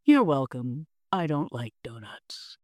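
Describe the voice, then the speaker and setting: A woman voicing a smug male panda from a picture book, speaking in a flat, drawn-out, dismissive way. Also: a bass voice, no echo, studio quality, voice pushed down, heavily acted.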